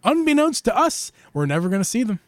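A man in his twenties co-hosting a podcast, chatting casually and getting animated and jokey. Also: sits high, quick pace, no room sound, studio quality. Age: 20s. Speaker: podcast co-host. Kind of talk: casual chat.

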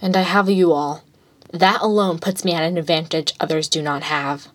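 A woman voicing a weary young male villain leader in a fan fiction reading, speaking in a drained, flat and sardonic way. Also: low voice, moderate pace. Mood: resolute. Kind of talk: fan fiction read aloud.

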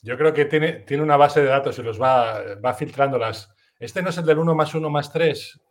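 A man's voice: a little high, normal speed. A man in a casual chat, thinking aloud with hesitations.

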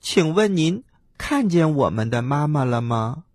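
A man's voice: fairly high pitch, very animated, measured pace, darkish tone, dry recording, clean studio sound. A man voicing a group of eager little tadpoles in a storybook, calling out and pleading. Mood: asking. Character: chorus of eager little tadpoles, small and childlike. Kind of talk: storybook role-play.

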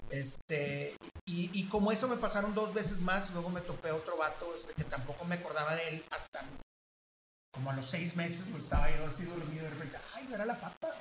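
A man's voice: fairly high pitch, a little fast. Mexican man telling a story in an echoey room. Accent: Mexican Spanish. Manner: animated, acts out quoted voices. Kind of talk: casual storytelling chat. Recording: echoey room with background noise.

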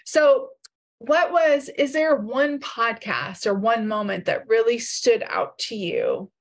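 A woman's voice: fairly high pitch, very animated, slow. A woman co-hosting a podcast in casual chat, talkative and self-teasing, laughing easily, with a groggy morning voice. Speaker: podcast co-host.

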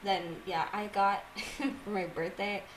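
A woman's voice: mid-range voice, fairly even intonation, slow pace, slight background noise, poor audio. A woman in her twenties co-hosting a casual chat podcast, laughing often and mimicking voices as she tells stories. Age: 20s. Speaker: podcast co-host.

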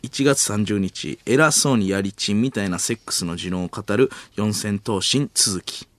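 A man's voice: lowish voice, moderate pace. A man with a Kansai accent hosting late-night comedy radio, reading listener letters with frequent laughter into a studio microphone. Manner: reads listener letters, laughs often, lively.

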